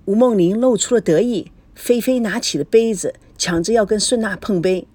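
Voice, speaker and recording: A woman narrating a storybook in a brisk, expressive way. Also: medium pitch, dry recording.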